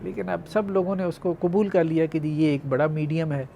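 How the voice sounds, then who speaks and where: A religious scholar speaks on a studio panel in a measured, conversational way, with a somewhat high-pitched voice. A faint low rumble sits behind him. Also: male voice, creaky, warm tone.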